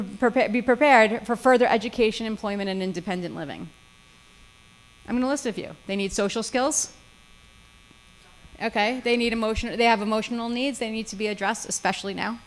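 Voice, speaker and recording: A woman lawyer with a slightly high voice gives a seminar lecture in a seminar room, often checking in with "okay?" and adding dry sarcasm. The recording quality is rough.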